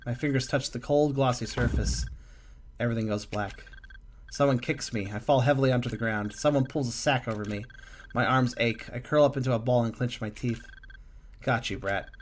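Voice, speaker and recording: A man reading a text game aloud with a calm, musing delivery and small slips and asides. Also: medium pitch, fairly quick, a little hiss or hum.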